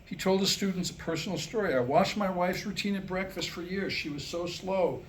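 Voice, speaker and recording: Brisk and high-voiced, a presenter tells jokes to a small live audience with a wry, conversational stand-up feel. The staged reading before listeners has faint background noise.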